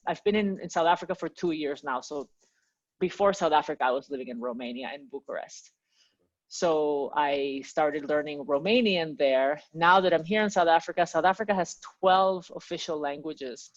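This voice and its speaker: Guest: Peruvian-born woman, low voice, friendly and chatty, muffled lo-fi audio. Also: moderate pace. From Peru. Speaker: guest, language teacher. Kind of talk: casual interview chat.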